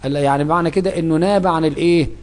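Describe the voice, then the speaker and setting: This Egyptian-accented teacher explains Arabic grammar in Quran verses at a very fast clip, answering his own questions as he goes. His pitch is fairly high and his tone stays steady.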